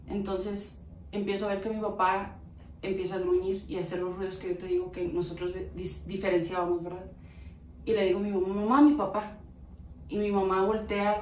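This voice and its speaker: A woman's voice: mid-range voice, a little mellow. Woman interviewee, emotional testimony, speaks earnestly to the listener, roomy far-off mic with light background noise. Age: adult. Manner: earnest, heartfelt, often addresses the listener directly. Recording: roomy echo, mic at a distance, faint background hiss.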